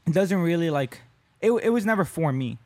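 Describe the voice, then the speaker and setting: A man's voice: a little high, lively intonation, fairly quick, a little mellow, dry recording. Man chatting casually on a podcast. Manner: conversational, keeps checking in with "right?". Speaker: podcast co-host and jiu-jitsu competitor.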